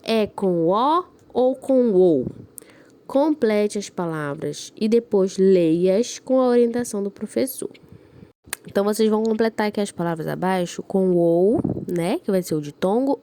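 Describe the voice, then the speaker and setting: A woman's voice: mid-range voice, warm tone, a little hiss or hum. A woman with a northern Brazilian accent, a primary school teacher giving a recorded class lesson, explaining step by step and checking in with her pupils after each point. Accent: northern Brazilian Portuguese.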